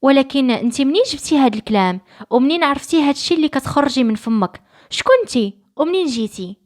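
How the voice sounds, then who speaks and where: A woman's voice: high-pitched, lively intonation, fast talker, pitched above the performer's own voice. A woman with a Moroccan accent voicing a distraught young woman held by a sultan, pleading with her brother. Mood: bewildered.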